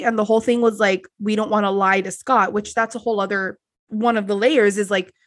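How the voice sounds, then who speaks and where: A young woman co-hosting a casual chat, talking in a chatty, animated way full of "like" and quoted asides. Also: mid-range voice. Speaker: podcast co-host. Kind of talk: casual chat recapping a reality show.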